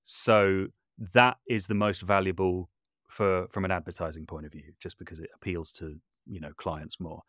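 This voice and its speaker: A man who makes audio dramas and does voice work talks casually as a podcast guest, explaining things in an informal, conversational interview style. His voice is low, a bit bright, and fairly even in intonation at normal speed. The recording is dry with clean studio sound.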